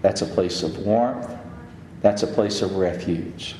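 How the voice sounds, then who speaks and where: A pastor preaching a sermon, reading scripture aloud and swelling into loud, emphatic peaks. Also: male voice, low voice, slow pace, slight background noise. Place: church sanctuary. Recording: roomy hall reverb, faint ambience.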